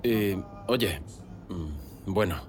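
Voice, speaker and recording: A man with a Castilian Spanish accent playing a quiet, friendly café worker in an erotic audio drama, casual and gently flirtatious. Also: sits low, lively intonation, extremely slow, soft background music, heavily acted. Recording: noticeable background noise.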